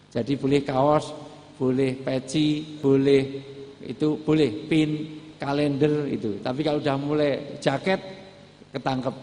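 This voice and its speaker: A man giving a humorous religious lecture, joking and acting out scenes. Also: mid-range voice. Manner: lively, jokey, mixes in Javanese, acts out scenes. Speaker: preacher. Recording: long hall reverb.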